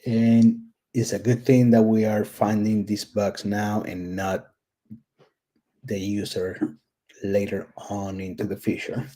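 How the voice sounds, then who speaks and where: Slow and flat, with a dark tone on the low side, a tech YouTuber from Puerto Rico narrates a screen-recorded coding walkthrough in a thick Puerto Rican accent. He's candid and casual, thinking aloud through the build with frequent ums and restarts.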